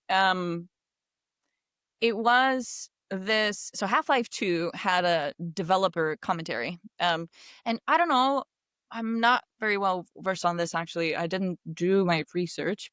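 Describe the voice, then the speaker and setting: Recorded in studio quality without echo, her medium-pitched voice comes across a bit bright. The thirty-something game designer, a Kosovar whose native tongue is Albanian, chats casually and thoughtfully as a podcast guest, leaning on "like" and "right?".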